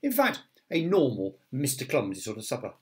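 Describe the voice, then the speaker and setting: A man's voice: medium pitch, huge pitch swings, a little fast, darkish tone. A man who teaches primary school, reading a children's story aloud with chatty asides to the young listeners.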